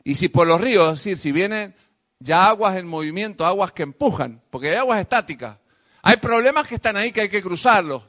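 A man preaching a sermon to a congregation, emphatic and repetitive, swinging between loud declarations and quiet, soft lines. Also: high voice, expressive, a little fast. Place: church service with a congregation. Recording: dull lo-fi recording.

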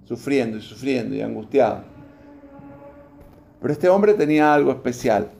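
A man's voice: mid-range voice, expressive, normal speed, creaky, darkish tone. A man over forty preaching a sermon, reading scripture aloud and putting questions to his congregation. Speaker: pastor.

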